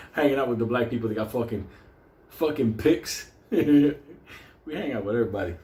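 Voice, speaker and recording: His voice is medium-pitched, expressive, and darkish, moving at a moderate pace. A storyteller and host whose native language is Spanish, from Puerto Rico or a Puerto Rican community, he rambles through comedic stories laced with heavy swearing and frequent laughter. A roomy echo and faint background noise fill the recording.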